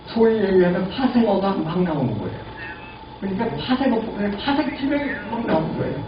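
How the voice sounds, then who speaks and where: A man's voice: high-pitched, a little fast. Elderly man lecturing in an echoey hall. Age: 80s. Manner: lively, asks the audience questions. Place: lecture room. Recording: lo-fi, echoey, distant, noisy.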